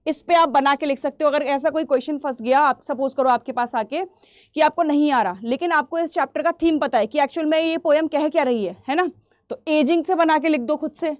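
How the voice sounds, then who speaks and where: A woman teacher runs an exam revision lesson in a fairly high voice. She reads English lines slowly, then explains them and repeats the key points for her students. The sound is dry and close, with no room echo. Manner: clears throat now and then.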